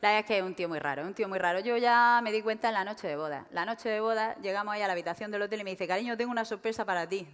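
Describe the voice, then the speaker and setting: A woman from Spain performing a stand-up comedy monologue, telling stories with lively acted-out dialogue. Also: mid-range voice, rapid-fire, few pauses, clean tone. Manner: lively storytelling, acting out dialogue. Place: theater stage. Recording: long reverb of a theater hall.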